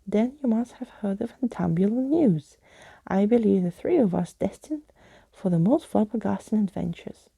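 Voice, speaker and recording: Female reader as theatrical male skeleton adventurer for a storybook: very creaky, soft dark tone, florid old-world flourish. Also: medium pitch, animated, moderate pace, no echo. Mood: excited, grand. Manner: florid, exclamatory, old-fashioned wording.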